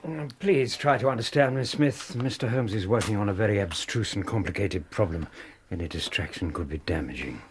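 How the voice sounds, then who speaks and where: An actor playing a polite, affable doctor who is a loyal companion, speaking with some hesitation in a radio drama. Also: male voice, on the low side, expressive, a little fast, few pauses, slight background noise, natural voice. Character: Doctor Watson, amiable loyal male companion.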